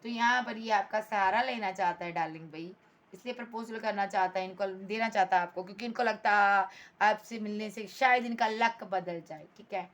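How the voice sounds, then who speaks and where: A woman's voice: mid-range voice, moderate pace, fairly bright tone. A woman giving a tarot reading to her viewers, blunt and emphatic, scolding the absent partner and calling the listener "bhai" and "darling". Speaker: tarot reader.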